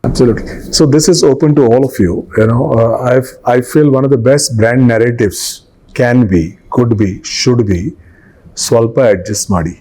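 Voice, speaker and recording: A man's voice: medium pitch, normal speed, mellow, a little hiss or hum, rough recording. A man with an Indian accent hosting a podcast discussion, giving opinions with emphatic repetition and frequent filler phrases. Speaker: podcast host.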